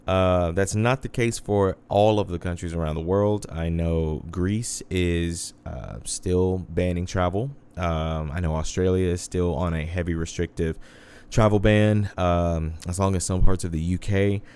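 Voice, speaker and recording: A man with a very low, deep voice hosts a relaxed internet radio show. He talks to his listeners in a loose, chatty way and keeps calling them "guys." He lets a dry, sarcastic edge slip into his remarks. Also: unhurried, clean tone. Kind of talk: casual internet radio hosting.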